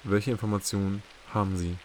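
A man voicing a cold, raspy older woman who directs an intelligence office, speaking in a low, cool, clipped way. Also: steady tone, brisk, darkish tone, a little hiss or hum, natural voice. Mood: icy.

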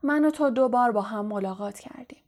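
A woman's voice: fairly high pitch, darkish tone, lightly acted. A woman voicing a taunting young villain. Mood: menacing. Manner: taunting, coldly amused. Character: young male villain, mocking and menacing. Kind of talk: audiobook character reading.

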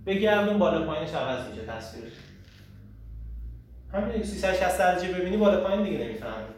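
A man hosting a casual group talk on personal growth, animated and emphatic, often asking rhetorical questions. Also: sits high. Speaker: host leading a group discussion. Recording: echoey room, far from the mic, faint noise.

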